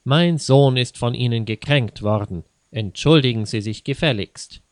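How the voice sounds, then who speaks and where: A man's voice: mid-range voice, expressive, measured pace, no room sound, close to an everyday voice. A man voicing an indignant middle-aged mother who scolds sharply in a read-aloud story.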